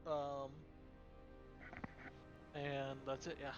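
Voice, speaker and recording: A man's voice: medium pitch, monotone, drawn-out words. Rambling young man running a tabletop game. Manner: loose and rambling, full of fillers. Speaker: dungeon master. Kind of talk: casual tabletop game narration. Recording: dull lo-fi recording, faint music.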